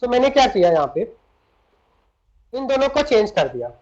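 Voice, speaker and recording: A man's voice: extremely high pitch, very animated, moderate pace, a little mellow. A man teaching chemistry in a lecture, switching between Hindi and English, explaining step by step and often asking his students questions. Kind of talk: classroom lecture. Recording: dull lo-fi recording.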